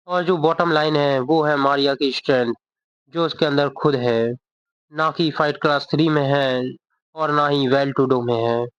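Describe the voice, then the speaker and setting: A man with a slightly high voice recaps a manga scene by scene in a casual, conversational way. The recording is dull, lo-fi, and dry, with no room sound.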